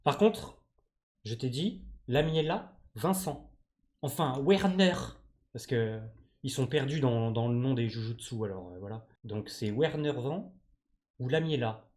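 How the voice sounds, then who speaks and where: A man's voice: medium pitch, a little slow, a little mellow. Slangy joking male game streamer. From France. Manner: slangy, joking banter with chat. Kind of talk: live-stream gaming commentary.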